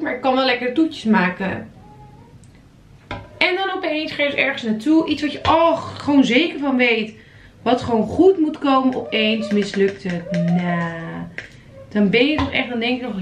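A young woman chatting casually to her viewers in a home kitchen while she cooks, animated and talkative. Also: on the high side, echoey room, slight background noise. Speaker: vlogger. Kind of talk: casual cooking vlog chat.

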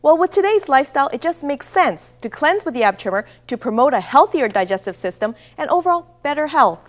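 A woman's voice: high-pitched, big pitch swings, fairly quick. A woman in her thirties presenting a scripted infomercial as co-host. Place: TV studio set.

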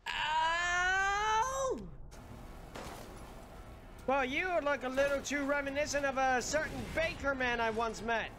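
A game streamer commentating live gameplay, excitable, swearing a lot and yelling at the game. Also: high-pitched, brisk, few pauses, background noise.

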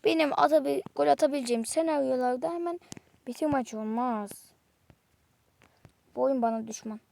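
A woman's voice: sits high, moderate pace, vocal fry, darkish tone, slight background noise. A woman giving exasperated live commentary while playing a football video game, muttering to herself and snapping at the game. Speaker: gamer.

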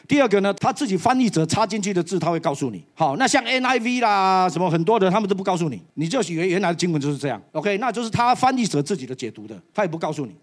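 Animated high-voiced man preaching. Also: rapid-fire, hardly any pauses. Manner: animated, mixes English phrases into his talk. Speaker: church elder preaching. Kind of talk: sermon to a live audience.

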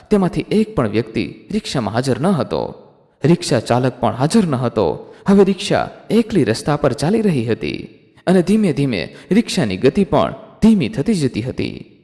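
A man hosting a storytelling channel, reading out viewers' comments and narrating a horror story in a dramatic, expressive way. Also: mid-range voice. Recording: long hall reverb.

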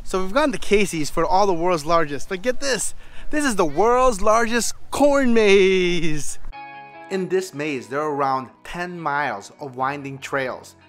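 An upbeat man narrates a family travel vlog with a fairly high voice. He talks chattily to a handheld camera outdoors. Soft music plays behind him. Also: animated, unhurried. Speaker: vlog host. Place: outdoors at a farm.

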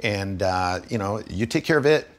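Friendly, low-voiced man talking in a garage. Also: animated, normal speed. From Guatemala. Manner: enthusiastic, friendly, lots of fillers. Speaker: garage owner, vintage bus restorer. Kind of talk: casual interview. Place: large indoor garage full of old buses.

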